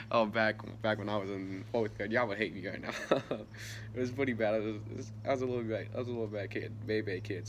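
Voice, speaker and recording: Telling a story for his vlog, a slightly ill teenage guy wanders off track, restarting often, using lots of fillers and laughing softly. He has a mid-range voice, and faint hiss or hum runs under it.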